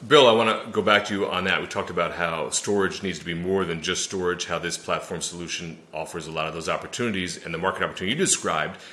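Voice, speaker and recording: Middle-aged moderator guy, quick talker, very deep, echoey room. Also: pushed and bright. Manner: crisp, probing questions. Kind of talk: moderating a panel discussion. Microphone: webcam on a video call. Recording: roomy echo.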